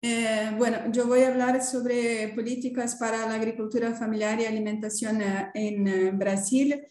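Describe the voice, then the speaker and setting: A woman's voice: a little high, level tone, normal speed, darkish tone. A woman in her thirties, a native Portuguese speaker with a Brazilian accent, giving a seminar presentation and hesitantly searching for words. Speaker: academic presenter. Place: indoor room. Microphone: video call. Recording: roomy, echoing video call.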